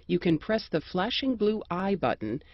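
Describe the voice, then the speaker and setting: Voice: medium pitch, sing-song, no echo, lo-fi sound. Dry, precise American instructional narrator. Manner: measured, precise, formal.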